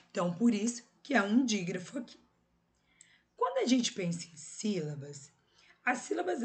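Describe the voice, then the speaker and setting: Speaking in a mid-range voice, this Brazilian Portuguese-accented woman teaches grammar on a recording. She takes her students through it patiently, one step after another, and uses brief tag questions to check in with them.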